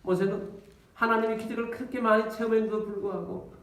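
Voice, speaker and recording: A man's voice: high voice, quick pace. A male pastor preaching a storytelling sermon to his congregation, calling out to them as he tells the story. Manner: storytelling, animated, addresses congregation. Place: church with congregation. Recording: echoey church from a distance.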